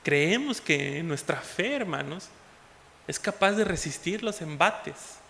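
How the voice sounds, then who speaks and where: A man with a Mexican Spanish accent preaches with fervor, his voice pitched high and bright. He swings from ringing exhortation to quiet asides. The sound carries a long church-hall reverb. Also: lively intonation, takes it slowly, vocal fry, slight background noise. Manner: impassioned, swings between loud exhortation and soft asides. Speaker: pastor. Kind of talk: sermon.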